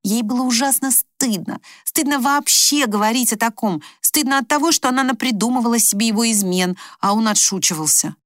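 A woman narrating an audiobook in an even, measured storytelling manner. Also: a little high, dry recording, studio quality.

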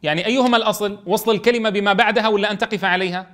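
High-voiced man teaching a class. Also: fairly even intonation, very fast, a bit bright. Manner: reads a passage aloud, then explains it and checks with the students. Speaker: Quran teacher trainer. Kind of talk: classroom lesson explaining a grammar text.

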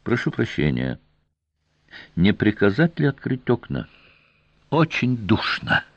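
A man voicing a shrewd male royal guardian who speaks with measured, elaborate politeness, in a dry, slightly dull audiobook recording. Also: lowish voice, wildly swooping pitch, no room sound, exaggerated voice. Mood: polite.

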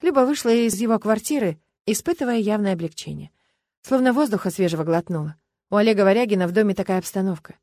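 A woman narrates an audiobook in an even, quiet storytelling manner. Her mid-pitched voice is recorded close and dry, with no room sound. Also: fast, no room sound.

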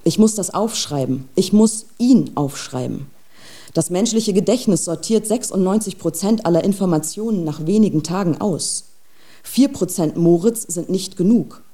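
A woman's voice: fairly low pitch, moderate pace, warm tone, close to an everyday voice. Mia, a woman playing a brooding scientist. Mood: pensive. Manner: pensive, philosophical monologue. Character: brooding adult woman scientist, grieving an absent lover. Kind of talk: radio drama.

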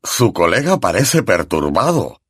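A man's voice: sits low, big pitch swings, a little slow, a bit bright, breathy edge, no room sound, clean studio sound, voice pushed down, exaggerated voice. A man doing a blustering official. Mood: flustered. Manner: blustering, huffy. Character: flustered, pompous middle-aged male minister.

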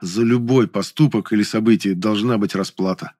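A man narrating a first-person audiobook in an even, weary, matter-of-fact way. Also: fairly low pitch, normal speed, no echo, studio quality.

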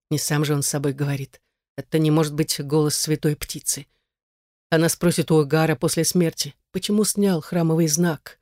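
Audiobook narrator, mid pitch, measured, dramatic, dry. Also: a little mellow, dry recording.

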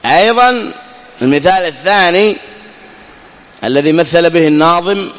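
A man teaching Quranic recitation rules, who asks and answers his own questions and slows right down to recite the example words. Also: a little high, expressive, a bit bright, big-room sound. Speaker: tajweed teacher. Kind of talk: recorded lesson explaining a poem.

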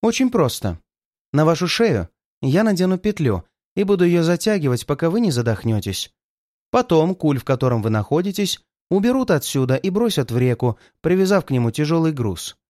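A man's voice: fairly high pitch, sing-song, fairly quick, no room sound, clean studio sound. A man voicing a cold, murderous young woman who threatens and mocks in a raised, strained voice. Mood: menacing. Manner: threatening, mocking, shouting in fury.

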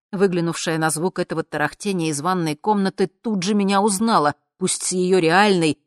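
An audiobook narrator reading an expressive, tormented story with dramatic swings between muted and loud. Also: medium pitch, no echo, clean studio sound.

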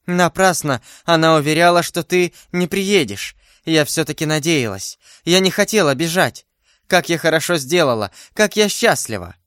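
Constance, a man putting on a high pleading young woman. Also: lively intonation, moderate pace, fairly bright tone, no room sound, clean studio sound. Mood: joyful. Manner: breathless, pleading. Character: young woman, frightened and fading.

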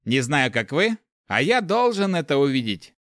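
A man voicing an excitable, cheeky male thief in a storybook reading. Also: on the high side, moderate pace, no room sound, clean studio sound, pitched above the performer's own voice. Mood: excited.

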